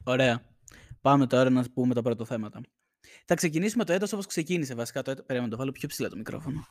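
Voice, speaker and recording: A man's voice: medium pitch, animated. A young man hosting a podcast, chatting casually and rambling with frequent laughs, indoors at home on a shared microphone. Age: young adult. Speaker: podcast host. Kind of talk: casual chat. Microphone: shared single microphone.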